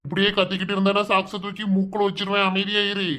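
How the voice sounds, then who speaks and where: A man's voice: high-pitched, monotone, fast, pushed and bright. A man voicing a bossy, threatening kidnapper in a cartoon, with a Kanyakumari Tamil accent, barking orders and threats. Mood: gruff threatening. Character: gruff male kidnapper gang, bossy and threatening. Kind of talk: cartoon voice acting.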